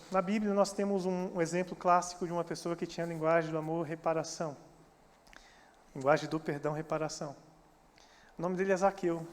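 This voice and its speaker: A man with a Brazilian Portuguese accent preaching a sermon as pastor, animated and acting out quoted church members. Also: fairly high pitch. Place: church sanctuary. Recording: church hall reverb.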